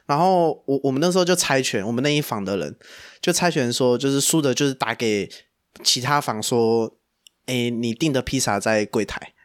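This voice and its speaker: A man's voice: medium pitch, moderate pace. A man in his twenties with a Taiwanese Mandarin accent, co-hosting a casual podcast and telling stories with plenty of slang and swearing. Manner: animated, profane storytelling full of slang. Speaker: podcast co-host. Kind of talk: casual chat.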